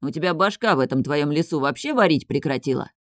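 Calm, sneering boss type, menace under the mockery, put on by the storyteller. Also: male voice, on the high side, quick pace, dry recording, studio quality, natural voice. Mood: mocking. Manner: sharp, cold, sneering. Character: dangerously calm, mocking middle-aged crime boss.

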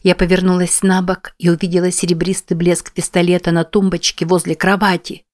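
A woman's voice: lowish voice, little pitch movement, fairly quick, darkish tone. A woman narrating a tense first-person audiobook.

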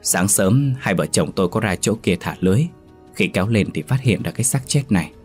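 A man's voice: low voice, expressive, a little fast, a little mellow, soft background music. A man voicing a plain-spoken village fisherman in a ghost story.

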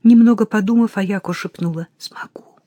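A narrator reading a historical novel aloud in a calm, measured storytelling voice that drops to a hush at tense moments. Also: medium pitch, no echo. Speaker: audiobook narrator. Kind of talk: scripted audiobook narration.

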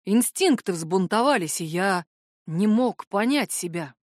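A woman narrating a first-person novel as an audiobook, with an even, expressive reading. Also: medium pitch, a little slow, no echo, clean studio sound.

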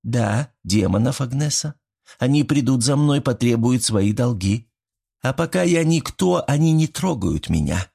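A man voicing a calm, soft-spoken but insistent old grandmother spirit in a fairy tale. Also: medium pitch, a little slow, gravelly, breathy edge, voice pushed up, full character voice. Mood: calm, firm.

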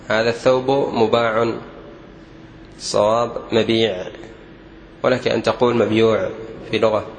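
A man teaching Arabic usage, correcting common mistakes one by one in a measured, repetitive lecturing manner. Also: on the low side, slight background noise, low-quality recording. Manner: didactic, measured, repeats each correction. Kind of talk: lesson correcting common errors.

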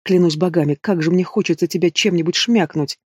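Dude voicing a snappy young queen, sharp tongue, growly, higher pitched, dry sound. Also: fairly quick, husky, dry recording. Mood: snapping.

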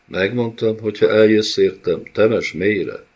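A man reading an audiobook, voicing an undead woman fused into a golem, who taunts in an eerily calm way on a dull lo-fi recording. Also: fairly low pitch, husky. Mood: eerie.

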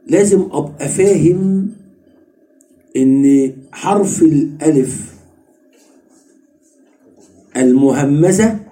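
A religious teacher with an Egyptian Arabic accent gives a study lesson, posing questions, answering them himself, and repeating every point. His voice sits on the high side with a dark tone.

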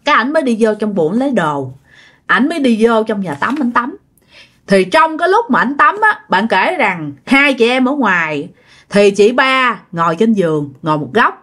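A woman's voice: fairly high pitch, big pitch swings, moderate pace, fairly bright tone. A woman with a Southern Vietnamese accent, narrating a ghost story in a chatty way that talks straight to her listeners. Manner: chatty, addresses listeners directly.

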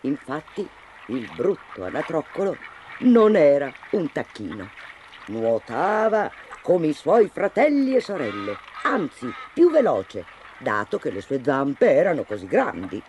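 A man reading a children's fairy tale with an expressive, dramatic storybook delivery. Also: fairly high pitch, measured pace, a little hiss or hum.

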